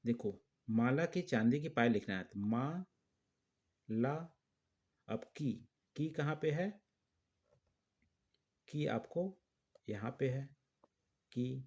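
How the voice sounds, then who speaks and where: A male teacher works through a children's textbook lesson, speaking slowly and deliberately. He repeats phrases and checks in with short questions. He speaks at a middle pitch. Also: lively intonation, darkish tone. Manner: slow and repetitive, checking with frequent questions. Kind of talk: explaining a school textbook lesson.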